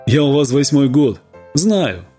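A man's voice: medium pitch, big pitch swings, measured pace, mellow, slightly rough, faint music behind. A man voicing a stern older country medic who speaks curtly. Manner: stern, curt.

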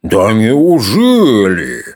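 A man reading an audiobook, voicing a fat, greedy, pompous male consul who talks in a slow, smug, chomping drawl. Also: fairly low pitch, huge pitch swings, a little mellow, exaggerated voice.

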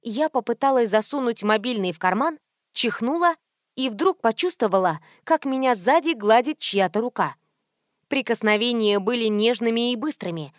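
A woman's voice: on the high side, animated, moderate pace, dry recording. Woman reading an audiobook, dry close sound. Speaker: audiobook narrator. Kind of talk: first-person audiobook narration.

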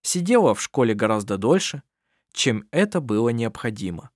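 Expressive male audiobook narrator. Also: medium pitch, normal speed, no room sound, studio quality. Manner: expressive storytelling. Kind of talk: scripted narration.

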